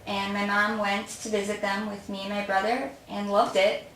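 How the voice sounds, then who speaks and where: A woman born in Australia and raised in Chicago, with Romanian as her first language and a slight Romanian accent, tells her family story as an interview guest, warmly and with frequent laughter. Her medium-pitched voice moves little in pitch at a moderate pace. The mic is distant in an echoey room, with a little hiss or hum.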